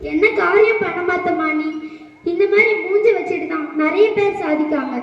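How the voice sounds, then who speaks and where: A woman's voice: extremely high pitch, moderate pace. A woman playing a caring, firm mother on stage, scolding and consoling her daughter. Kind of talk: stage mono-acting. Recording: echoey hall from far off, dull sound.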